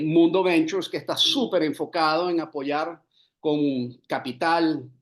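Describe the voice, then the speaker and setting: A man hosting a business podcast, giving a long flowing introduction in a fluent manner, slipping English business terms into his Spanish and pausing on "eh" fillers. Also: a little high. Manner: frequent "eh" fillers. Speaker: podcast host. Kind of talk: scripted interview introduction.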